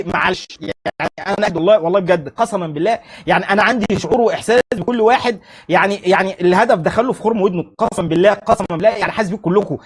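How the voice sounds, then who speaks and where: A man with an Egyptian accent giving animated, mocking fan commentary on a football match. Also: high voice, husky. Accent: Egyptian Arabic.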